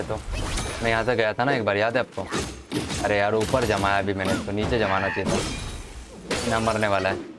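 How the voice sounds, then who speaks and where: A man's voice: lowish voice, background noise. A man giving casual, chatty commentary over his gameplay, talking to the viewers and to the enemies, with game music underneath. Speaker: gaming commentator.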